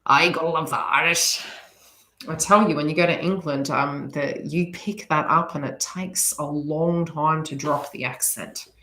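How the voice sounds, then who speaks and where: A woman with a slight New Zealand accent speaks in a low, steady, bright and forceful voice, a touch slow. Hosting as a psychic reader, she rambles casually to live viewers with conversational asides while giving spiritual advice, in an echoey room.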